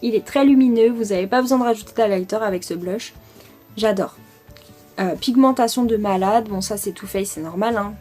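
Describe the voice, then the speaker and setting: A woman's voice: medium pitch, brisk, dark tone, faint music behind. A young French woman chatting casually through a makeup product review, enthusiastic and full of fillers. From France. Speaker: beauty vlogger.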